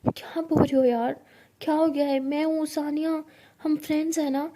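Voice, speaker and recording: A woman's voice: high voice, little pitch movement, moderate pace, warm tone, close to an everyday voice. A woman voicing a playful, teasing young woman who jokes and pleads. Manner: joking, pleading, cheeky.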